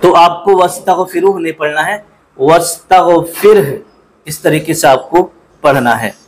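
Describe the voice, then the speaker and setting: A man teaching correct recitation, speaking slowly and deliberately, repeating words to fix common mistakes and chanting verses between explanations. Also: a little high, slight background noise, rough recording.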